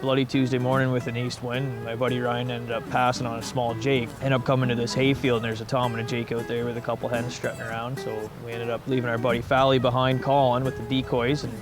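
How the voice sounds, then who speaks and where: A man telling a turkey-hunting anecdote in a steady, even way. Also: mid-range voice, fast talker, few pauses, music in the background. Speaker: hunter.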